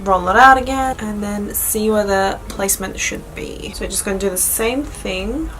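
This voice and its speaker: A woman's voice: medium pitch, normal speed, fairly bright tone, soft background music, rough recording. A woman beauty vlogger chatting informally as she explains a makeup tutorial step by step. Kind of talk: casual instructional chat.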